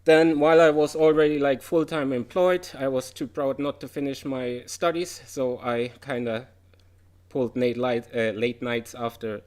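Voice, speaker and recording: A man's voice: medium pitch, fairly even intonation, normal speed, darkish tone. Man giving a chatty talk. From Germany. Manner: chatty, with frequent "uh" fillers and light laughs. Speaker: game developer giving a presentation. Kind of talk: informal conference talk.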